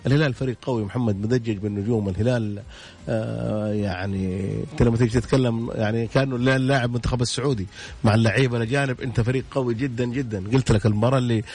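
A man's voice: medium pitch, steady tone, racing, a little mellow, husky. A man talking as a football pundit on a radio sports show, insisting on his points and repeating them. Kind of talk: casual radio sports talk.

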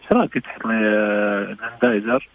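A man with a Saudi accent and a husky voice, chatting familiarly as a caller on a radio phone-in. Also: on the low side, fast, phone-quality sound. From Saudi Arabia. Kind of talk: casual chat with a radio host. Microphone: phone call into a radio show.

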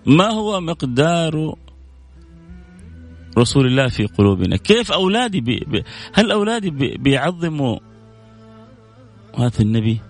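A man hosting a religious program, giving an earnest sermon-style talk and repeating phrases to drive his points home. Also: fairly high pitch.

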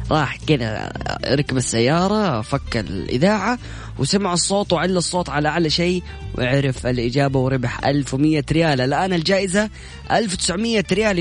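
A Saudi-accented man presents a morning radio show over a music bed, running a phone-in quiz with lively energy. His voice is a little high, quick, and animated, and he's chatty and familiar, addressing listeners and callers affectionately.

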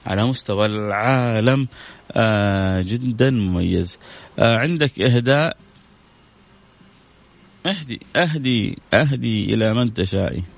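A man hosting a religious call-in show, chatting casually, reading viewer messages aloud and repeating phrases for emphasis. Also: fairly low pitch. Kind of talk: casual broadcast talk with religious advice.

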